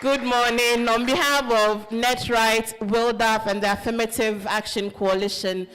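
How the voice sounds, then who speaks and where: A woman's voice: fairly high pitch, fairly even intonation, unhurried, a bit bright, smooth, poor audio. A woman moderating a public forum, speaking with energy into a handheld mic and leading the audience in call-and-response. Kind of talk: opening remarks at a public forum. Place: conference hall with a seated audience. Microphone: handheld microphone.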